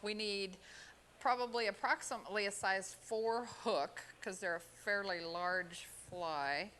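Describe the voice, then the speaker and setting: A woman from Oregon giving an unhurried step-by-step fly tying demonstration at an expo. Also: medium pitch, a bit bright, a little hiss or hum. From Oregon, USA. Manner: unhurried, plain instructional talk with pauses. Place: expo hall.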